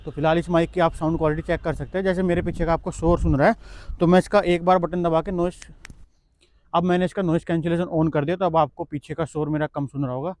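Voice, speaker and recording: Fast-talking man demoing gear. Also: on the high side, level tone, a little mellow. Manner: chatty, explains step by step while handling gear. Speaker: tech reviewer vlogger. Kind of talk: casual product demo. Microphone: wireless clip-on mic.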